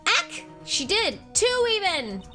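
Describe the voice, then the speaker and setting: A woman voicing a brash, nosy young female photojournalist from a game, pushy and excitable. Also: extremely high pitch, slow, soft background music, voice pushed up, full character voice. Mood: eager.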